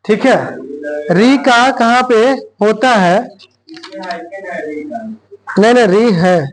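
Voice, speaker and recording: A man, teaching grammar slowly in a classroom style, repeating phrases and answering his own questions. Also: high-pitched, poor audio. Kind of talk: slow classroom explanation with questions to students.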